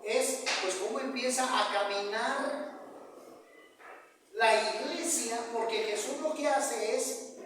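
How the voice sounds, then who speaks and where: A man preaching a sermon to a congregation and online viewers, often asking his listeners whether they follow him. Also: extremely high pitch. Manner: call-and-response questions, checks understanding with "¿verdad?" and "¿me explico?". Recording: echoey hall with long reverb, voice far from the mic, clear background noise.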